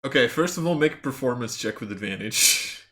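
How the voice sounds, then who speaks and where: A man's voice: mid-range voice, expressive, brisk, pushed and bright. A man narrating a tabletop game as game master, casual and laughing, with some swearing.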